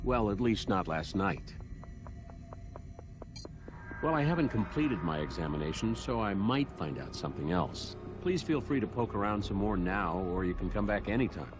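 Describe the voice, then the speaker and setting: Brief: male actor as affable morgue doctor for a crime game, low register, dryly witty and matter-of-fact, music clearly underneath. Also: lively intonation, moderate pace, lightly acted. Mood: genial, wry. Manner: chatty, dryly humorous, matter-of-fact about gruesome details. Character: genial, wry male medical examiner in a morgue. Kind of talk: video game voice acting.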